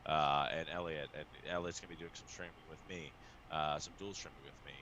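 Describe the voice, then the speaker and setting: A man, a poker streamer and coach, chatting casually and excitedly, swearing often and restarting his sentences. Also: extremely low pitch, fairly quick, dull audio, a little hiss or hum. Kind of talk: casual show chat.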